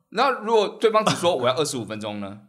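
A man with a Taiwanese Mandarin accent co-hosting a comedy podcast. He mixes deadpan jokes with playful acted bits. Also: a little high, fast talker. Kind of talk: casual comedic chat.

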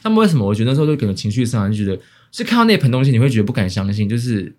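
A young man with a Taiwanese Mandarin accent, co-hosting a casual podcast chat, rambling with many restarts and quick laughs. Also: mid-range voice, big pitch swings, darkish tone. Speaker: podcast co-host.

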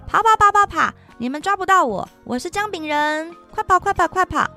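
A woman's voice: sits high, very animated, moderate pace, fairly bright tone, soft background music, voice pushed up, full character voice. A woman voicing a small, boastful gingerbread man who taunts in a sing-song chant for a children's storybook. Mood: taunting.

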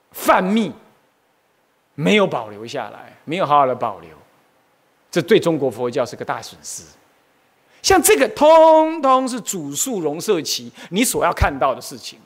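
A middle-aged male monk teaches Buddhist history in an animated lecture. His voice sits high and swings widely up and down. He keeps turning to his listeners with questions and exclamations. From Taiwan. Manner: animated, asks the audience questions, exclaims often.

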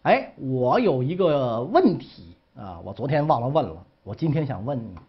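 A man's voice: medium pitch, sing-song, normal speed, husky, muffled recording, pitched below the performer's own voice. A man voicing an indulgent, frank ancient duke with a chatty, drawling manner. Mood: candid. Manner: chatty, drawling, says 是吧 a lot.

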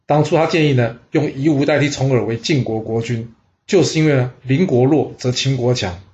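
Male storyteller of mid pitch, chatty and exclaiming, dull lo-fi recording. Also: fairly quick, a little mellow. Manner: chatty, asides to the listener, exclaims "哇". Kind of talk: casual historical storytelling.

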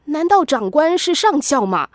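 A woman's voice: sing-song, moderate pace, dry recording, studio quality. A woman doing a haughty army major. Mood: anxious. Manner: haughty, then eager and anxious, higher voice. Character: arrogant male army major turning fearful.

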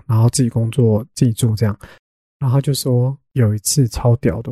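A young man hosting a podcast, telling a family story in a casual, animated way and dropping in English words. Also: medium pitch, no room sound, clean studio sound. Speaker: podcast host.

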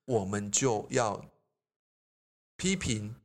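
A man's voice: on the low side, animated, very slow. Man explaining patiently. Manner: explains patiently, repeats "对" often. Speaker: teacher giving advice on a podcast. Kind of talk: casual podcast chat.

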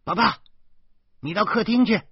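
A man's voice: on the high side, big pitch swings, moderate pace, husky, no room sound, lo-fi sound, pitched above the performer's own voice. A man voicing a worried wife who fusses and exclaims. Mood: fussing. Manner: exclaiming, fussing. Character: worried wife, loud and fussing.

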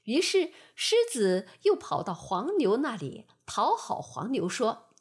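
A woman reads a bedtime fable at an unhurried pace, her voice soft and breathy. Her pitch rises and falls widely as she tells the story. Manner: gentle, expressive storytelling.

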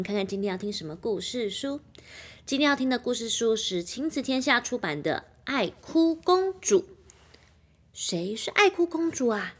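A woman teacher reading a children's picture book aloud in a playful, animated way, asking the listeners questions. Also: fairly high pitch, slightly rough.

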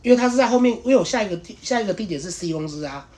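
Sex: man. Role: podcast host. Style: casual storytelling, rambling and animated, full of restarts. Pitch: fairly high. Pace: fast.

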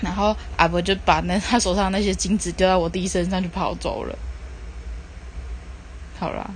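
A woman, hosting a podcast and casually telling a joke, stringing it together with "and then" and slowing down for the quoted lines. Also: fairly low pitch, flat delivery, a little hiss or hum. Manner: rambling storytelling strung together with "and then"; slows down for the punchline quotes. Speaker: podcast host.

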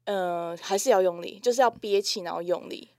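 A woman, a podcast guest telling stories in animated casual chat and laughing easily. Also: medium pitch, fairly quick, dry recording, clean studio sound.

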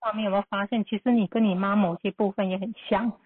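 Calm husky woman on a phone-like line. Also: mid-range voice, fast talker. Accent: Taiwanese Mandarin. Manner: calm, explanatory, reassuring. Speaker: numerology teacher. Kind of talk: advice on a live podcast. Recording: phone-like narrow-band line.

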